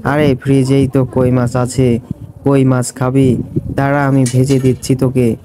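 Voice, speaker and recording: A man's voice: mid-range voice, monotone, a little slow, background noise, close to an everyday voice. A man voicing a caring middle-aged mother who dotes on her daughter-in-law. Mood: doting. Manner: warm, doting.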